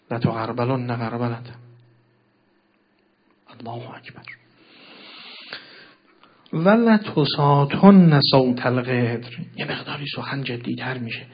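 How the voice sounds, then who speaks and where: Husky male preacher, dull lo-fi recording. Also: medium pitch. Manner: chants Arabic phrases slowly and loudly, then explains softly. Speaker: cleric teaching a sermon. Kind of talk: sermon explaining a classical Arabic text in Persian.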